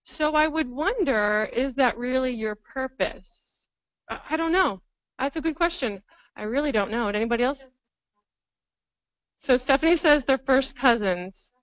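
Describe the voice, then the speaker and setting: A woman's voice: high-pitched, expressive, a little slow, long pauses, clear, resonant tone, no echo, lo-fi sound. A woman presenting a counseling workshop to a live room, thinking aloud and laughing often. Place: training room with live audience.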